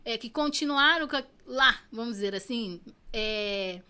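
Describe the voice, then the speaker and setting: Unhurried and a little high, her voice clean yet sharp in tone, this Brazilian Portuguese-accented woman in her thirties shares her personal story as a podcast guest. She's earnest and reflective, repeating phrases to stress them.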